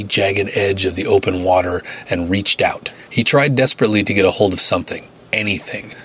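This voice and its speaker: Male storyteller, low and husky, steady dramatic narration. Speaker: author reading his story.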